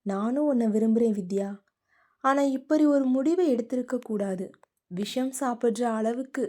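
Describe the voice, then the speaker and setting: A woman voices a stern young man in a storybook romance, talking firmly and plainly. The tone is mellow and dark, though pitched a bit high. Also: moderate pace, close to an everyday voice. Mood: scolding. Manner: firm, lecturing. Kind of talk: audiobook character reading.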